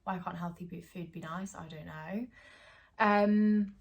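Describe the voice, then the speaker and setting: A woman's voice: lowish voice, steady tone, measured pace, vocal fry. A woman, chatting casually to her phone camera at home with plenty of fillers and giggles. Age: 20s. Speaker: vlogger.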